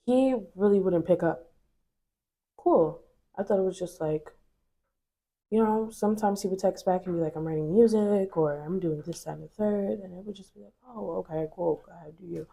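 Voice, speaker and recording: At a normal speed, a congested woman vlogger in her twenties shares a personal story with her audience. Her lowish voice is creaky and dark, and her storytelling to camera is chatty, candid and full of fillers.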